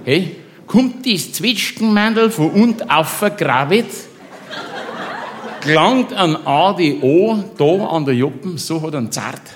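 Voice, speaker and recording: A man with a thick Bavarian accent spins a comic yarn, rambling and chummy. His voice sits a little higher than usual for a man. He keeps checking in with his listener as the story wanders on. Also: animated, slow pace, slight background noise.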